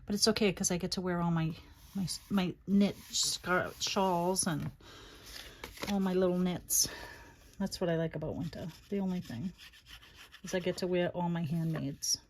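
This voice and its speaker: Her lowish voice stays steady at a normal pace as she hosts a crafting livestream, talking casually to herself and her audience. She has a Boston accent and is from Massachusetts, and clicks, rubbing and other background noise can be heard.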